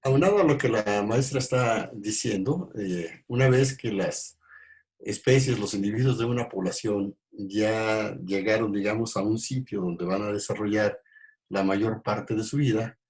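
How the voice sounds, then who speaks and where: A man gives an ecology lecture in a fairly low voice. He talks in halting stretches, full of fillers and restarts. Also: darkish tone. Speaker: ecology teacher. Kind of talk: recorded class lecture.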